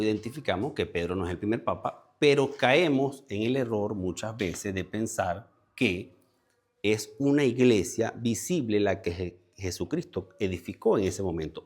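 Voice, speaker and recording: A man leading a Bible study before a congregation, explaining word meanings step by step and repeating key words for emphasis. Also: fairly low pitch. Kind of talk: conversational Bible teaching. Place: church meeting with a congregation present.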